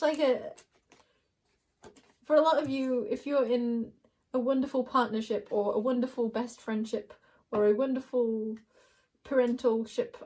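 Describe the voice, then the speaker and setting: A young woman with a slightly high voice works through a card reading for her viewers. She muses aloud, trails off and second-guesses herself, and breaks into giggles often. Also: dark tone, a little hiss or hum. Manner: giggly, musing, talks to viewers as you guys. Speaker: tarot card reader. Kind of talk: intuitive card reading to camera.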